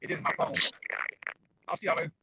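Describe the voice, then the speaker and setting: A man calling in to a casual panel chat. His voice comes through muffled, as if through a wall, from a bad phone connection, and he talks quickly as he signs off. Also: noisy background. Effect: muffled, as if heard through a wall, from a bad phone connection. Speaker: call-in panelist. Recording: muffled distant phone audio.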